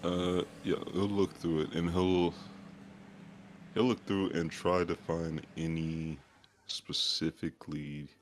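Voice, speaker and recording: A man with a very deep, heavy voice, chatting casually as a tabletop game player, haltingly searching for words. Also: little pitch movement, a little hiss or hum.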